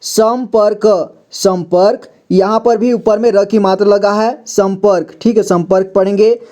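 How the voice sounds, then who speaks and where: High mellow voiced guy teaching reading, says each word twice, slow and patient. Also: steady tone. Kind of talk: slow spelling-out reading lesson.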